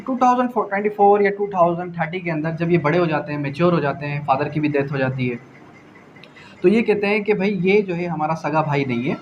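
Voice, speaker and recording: On dull, lo-fi audio with a faint background hum, a man with a Pakistani accent gives an explanatory law lecture. His voice is on the high side, and his didactic style leans on repetition, rhetorical questions and English legal terminology.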